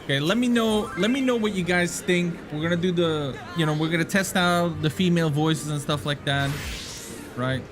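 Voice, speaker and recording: A man's voice: a little high, normal speed. A man live-streaming a game, chatting casually with viewers in a rambling way, swearing and laughing offhand. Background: game music.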